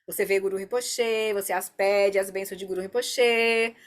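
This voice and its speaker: A woman teaching an online meditation class, explaining calmly and often checking in with her students. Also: mid-range voice, normal speed. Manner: calm, explanatory, often asks "né?". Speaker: Dharma teacher.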